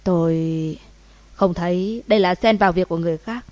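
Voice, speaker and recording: A woman's voice: on the low side, brisk, darkish tone, dry recording, natural voice. Lady reading a tense young woman, polite but stiff, storybook.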